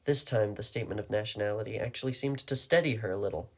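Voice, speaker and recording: A man narrating a story aloud in a steady, measured way. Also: on the low side. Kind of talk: audiobook reading.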